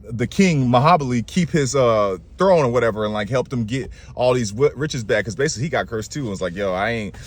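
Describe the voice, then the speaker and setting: An astrology channel host retells a myth in slangy, rambling talk, lively and often interrupting himself to correct what he said. His mid-range voice moves a little fast.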